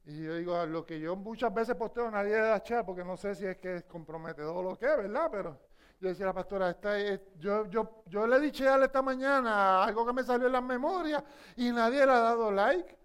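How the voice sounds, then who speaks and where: A woman preaching a sermon with passion, swinging between hushed questions and loud, emphatic passages. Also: mid-range voice, a little fast, clean tone.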